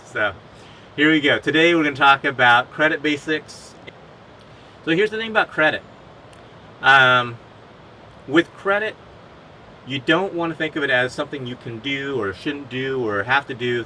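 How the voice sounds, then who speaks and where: Middle-aged man, casual dad-advice vlogger, bright tone, easygoing and full of fillers. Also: medium pitch, a little hiss or hum, rough recording. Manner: relaxed, conversational, many fillers. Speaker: father giving advice.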